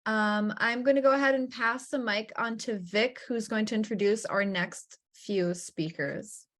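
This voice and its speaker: A woman's voice: mid-range voice, measured pace, a bit bright. A woman hosting a conference, making informal announcements between sessions. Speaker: conference host.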